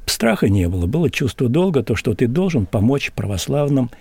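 An older man speaks slowly and solemnly, taking his time over each phrase. His voice sits at an ordinary pitch, and the recording is close and dry, with no room sound. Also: very animated, gravelly, darkish tone, slightly rough, dry recording. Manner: measured, solemn, unhurried phrasing. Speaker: interview guest. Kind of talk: reflective interview answer.

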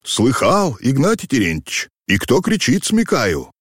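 A man voicing a burly young coachman who speaks in a steady, folksy manner. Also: mid-range voice, measured pace, slightly rough, dry recording, studio quality, voice pushed up, exaggerated voice. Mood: wary. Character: burly young male coachman, calm and superstitious.

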